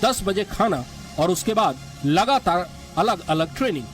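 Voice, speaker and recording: A man's voice: sits high, expressive, measured pace. A man reading scripted documentary narration as the narrator. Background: music.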